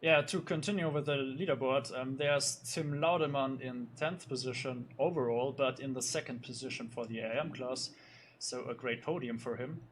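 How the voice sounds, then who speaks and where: Going over sim racing league results, a man commentates in a loose, hesitant way full of fillers and restarts. He speaks at a normal speed with a medium-pitched voice, and there's slight background noise.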